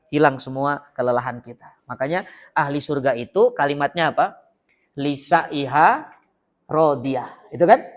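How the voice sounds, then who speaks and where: A man preaching an Islamic sermon to a congregation, telling stories with lively jokes and shifting between loud emphasis and soft asides. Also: a little high. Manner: joking with the audience.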